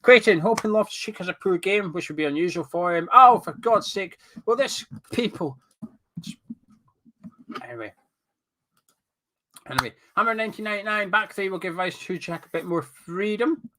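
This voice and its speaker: This Scottish live-streamer reads out what viewers write and chats away, teasing the chat and going off on tangents, all while congested and sniffly from a cold. His high, bright voice has a forceful tone, at normal speed with frequent pauses.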